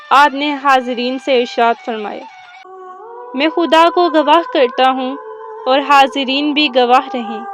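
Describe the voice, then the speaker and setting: A woman's voice: high-pitched, fairly bright tone. A woman narrating a religious story from a script, in a formal, reverent storytelling manner.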